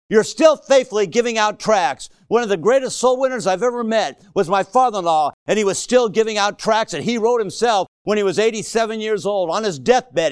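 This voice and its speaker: A man in his sixties preaching with a high, lively voice that swoops up and down. He exhorts and hammers his points home with repetition. The sound is close and dry. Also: clean tone, dry recording. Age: 60s. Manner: emphatic, exhorting, repeats phrases for effect. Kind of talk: sermon. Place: church before a congregation.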